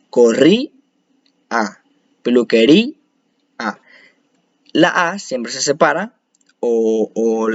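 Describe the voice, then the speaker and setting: A man's voice: medium pitch, no room sound, lo-fi sound. A man presenting a spoken lesson on spelling rules, explaining step by step with frequent restarts and hesitations.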